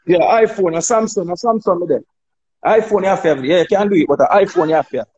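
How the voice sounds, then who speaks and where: A man with a Jamaican accent chatting on a phone livestream, telling animated stories, laughing and acting out dialogue. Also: high voice, fast talker, muffled recording. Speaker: dancehall artist on a live stream. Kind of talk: casual chat on a livestream.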